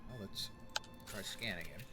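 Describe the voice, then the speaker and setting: A man's voice: low-pitched, moderate pace, loud music behind the voice. A man giving casual video game commentary, thinking aloud and reading on-screen text, with muttered asides. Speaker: gamer playing and commenting on an RPG.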